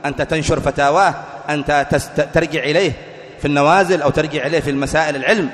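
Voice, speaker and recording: A man delivers a religious lecture at a brisk clip and in a fairly high voice. He keeps asking rhetorical questions and answering them himself. The recording has a long hall reverb. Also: fairly even intonation, a bit bright. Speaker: preacher.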